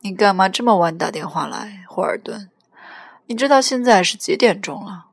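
A woman's voice: mid-range voice, lively intonation, normal speed. A woman voicing a cold, curt elderly grandmother answering a late phone call.

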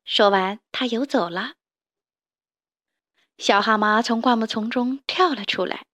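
A woman telling a story to children in a gentle, expressive way. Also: a little high, unhurried.

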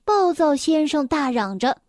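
A young woman reading a children's story aloud, gentle and expressive, speaking directly to the children. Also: high-pitched, measured pace, no room sound, clean studio sound.

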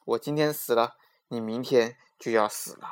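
A man's voice: medium pitch, steady tone, normal speed, clean tone, lightly acted. A man doing a cheeky, clever folk hero. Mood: teasing. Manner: bold and teasing.

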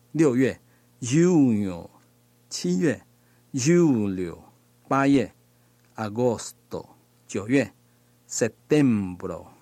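Male language tutor, middle pitch, very slow, deliberate delivery, dry booth sound. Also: mellow, no echo. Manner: slow, deliberate, pronouncing each word carefully. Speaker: language teacher. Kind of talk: slow recorded language lesson.

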